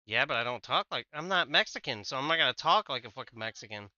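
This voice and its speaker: Streamer, adult male, American, laid-back gaming banter, bright tone, dry mic. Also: medium pitch, lively intonation, quick pace, dry recording, highs cut off. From United States. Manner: casual, swears a lot, trails off mid-sentence. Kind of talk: casual gaming chat.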